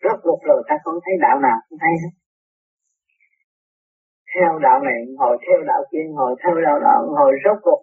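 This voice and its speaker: A man's voice: a little high, wildly swooping pitch, fairly quick, gravelly, long pauses, husky, dry recording. A man giving an emphatic, repetitive spiritual sermon to his followers. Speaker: spiritual teacher. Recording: tinny, dry, phone-like lo-fi recording.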